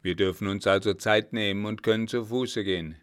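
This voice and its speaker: A man voicing a scheming male captain who speaks gruffly and mocks his captives, a little lower and louder than his narration. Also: fairly even intonation, fairly quick, lightly acted. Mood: mocking. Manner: gruff, mocking.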